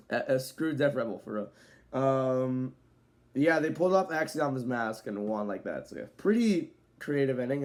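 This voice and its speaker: A man's voice: medium pitch, a little mellow. Casual rambling male video reviewer. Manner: rambling, loose delivery with frequent "so, yeah" fillers; at times speeds up. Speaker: wrestling show reviewer.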